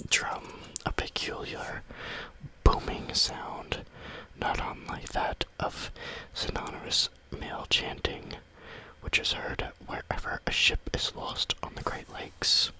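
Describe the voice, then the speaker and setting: A man narrates scary stories in a breathy ASMR whisper with no voice behind it. The delivery is very slow and deliberate, and the whisper has a bright, crisp edge. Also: low-quality recording. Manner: slow, deliberate read-aloud phrasing.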